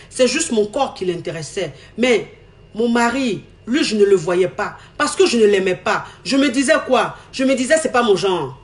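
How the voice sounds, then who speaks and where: A young woman telling her own love story candidly. She talks in an animated way, repeats her lines and acts out what others said. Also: mid-range voice. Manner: animated, repeats herself, acts out quoted talk. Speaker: woman giving a testimony.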